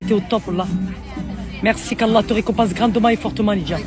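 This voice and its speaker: A woman's voice: medium pitch, steady tone, fast talker, over music. A tired woman vlogging to her followers, venting in an agitated, repetitive way. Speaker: social media vlogger. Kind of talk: emotional vlog rant to followers.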